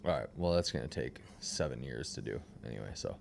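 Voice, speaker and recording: A man's voice: a bass voice, lively intonation, a little fast, gravelly, a little hiss or hum. A young man hosting a casual livestream, laid-back and slangy, often trailing off mid-sentence. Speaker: livestream host.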